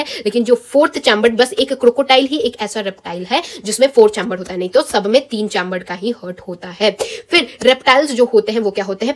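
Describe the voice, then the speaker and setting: Fast-talking young woman teaching biology. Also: fairly high pitch. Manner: quick, jokey teaching with rhetorical questions and memory tricks. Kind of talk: online exam-prep lesson.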